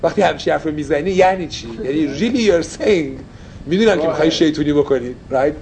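A man's voice: a little high, creaky, darkish tone, slight background noise, rough recording. A man teaching an informal Torah study class, mixing Persian with English and explaining phrases as he goes.

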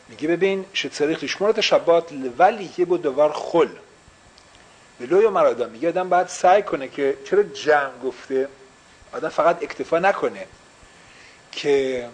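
Higher-voiced man teaching a class. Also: rough recording. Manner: explains with repeated rhetorical questions; mixes English phrases into Persian. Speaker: religious teacher.

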